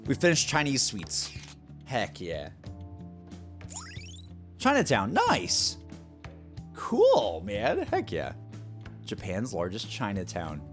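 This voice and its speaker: A man's voice: fairly high pitch, wildly swooping pitch, extremely slow, pauses often, a bit bright, soft background music. A man streaming a game, chatting casually and rambling to his chat. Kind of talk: casual gameplay commentary.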